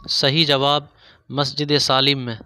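A man reading religious quiz questions, pausing over each option before he gives the answer. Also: medium pitch, little pitch movement, pushed and bright, soft background music. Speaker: quiz host. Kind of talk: scripted quiz narration.

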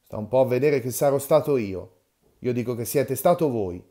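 A man's voice: medium pitch, expressive, close to an everyday voice. Geppetto, a man reading as a touchy old carpenter. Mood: indignant. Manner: quick to shout when offended.

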